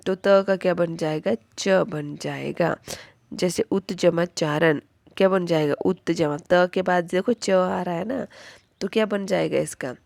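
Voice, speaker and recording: A woman's voice: fairly low pitch, a little slow, creaky, darkish tone, no echo. A woman teacher explaining grammar rules step by step, asking the class questions and answering them herself. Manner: repeats each rule as a question, then answers it. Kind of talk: Hindi grammar lesson.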